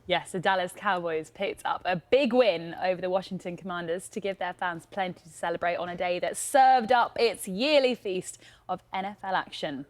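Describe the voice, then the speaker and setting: A woman co-presenting sports news on a breakfast show, reading crisply and teasing her co-host. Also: lowish voice, moderate pace. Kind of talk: breakfast news sports bulletin with casual banter.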